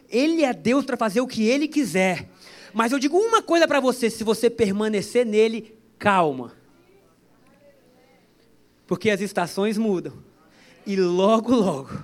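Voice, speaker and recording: A man preaching a sermon to a church service, chatty and joking, with stories woven in. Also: sits high. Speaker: pastor.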